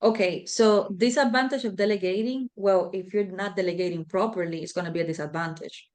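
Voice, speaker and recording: Woman trainer, conversational and loose, many fillers, mid-pitched voice. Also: fairly even intonation, brisk, darkish tone. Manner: conversational, filler-heavy, repeats herself. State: out of breath. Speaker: leadership trainer. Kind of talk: live online class.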